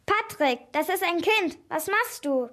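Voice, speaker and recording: A woman plays a shrill storybook wife who scolds her husband sharply. Her voice rides high, and her words come out clipped and cutting. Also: expressive, takes it slowly, sharp tone, heavily acted. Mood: shocked.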